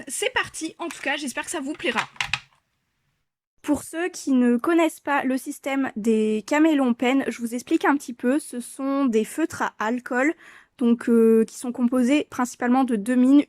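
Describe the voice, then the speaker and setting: A woman's voice: a little high, darkish tone, no room sound. A young woman chatting casually about her coloring, explaining step by step with many hesitations. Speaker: coloring vlogger.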